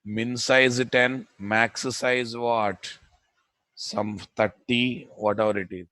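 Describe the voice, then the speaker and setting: A man's voice: medium pitch, steady tone, slow, pushed and bright, dry recording, rough recording. A man with a Telugu Indian accent teaching a live programming class as the instructor, repeating his phrases and checking that students follow. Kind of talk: live technical lesson.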